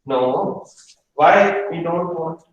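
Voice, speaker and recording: A man's voice: on the high side, very slow, highs cut off. A man teaching a hotel management practical class, stern and repetitive, pressing students for answers. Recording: echoey room from far off.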